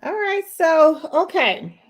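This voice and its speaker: An American woman hosting a casual live chat, folksy and animated, often repeating herself for emphasis. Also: very high-pitched, slow pace. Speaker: host of a late-night live girlfriend chat show.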